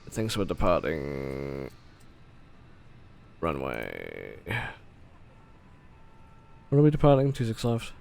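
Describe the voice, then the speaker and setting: A man's voice: a bass voice, sing-song, takes it slowly, vocal fry, pauses often, darkish tone. A man streaming a flight simulator with casual commentary, muttering to himself and swearing freely. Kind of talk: casual livestream gameplay commentary.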